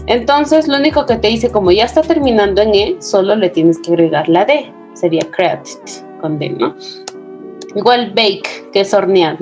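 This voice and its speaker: A woman's voice: mid-range voice, a little mellow. A woman teaching an English grammar lesson to secondary students, explaining patiently and checking in with frequent questions. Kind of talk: recorded class explanation.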